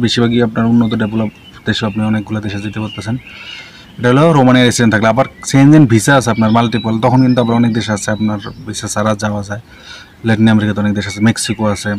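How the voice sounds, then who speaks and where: A man with a lowish voice shares casual visa information as a travel and visa vlogger. He rambles hesitantly, corrects himself, and uses many fillers while listing long strings of country names. Slight background noise is present.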